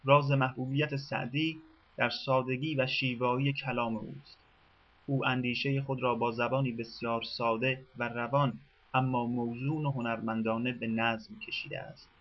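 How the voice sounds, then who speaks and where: A man reads documentary narration in a measured, formal way, with a level tone at a middle pitch. The audio sounds somewhat dull and lo-fi, like an older radio program.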